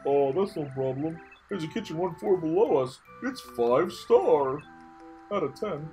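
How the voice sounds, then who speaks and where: A woman's voice: low-pitched, animated, measured pace, dark tone, faint music behind. A woman voicing a greedy, hungry little male minion, reading casually near her own voice with a playful tone. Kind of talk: playful read-along of game dialogue.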